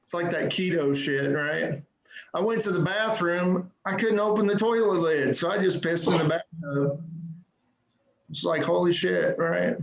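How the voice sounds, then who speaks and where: Speaking a little slowly with vocal fry, a high-pitched man performs a self-deprecating stand-up set on a video call, peppering his punchy jokes with "right?". The computer mic in an echoey room leaves the highs cut off.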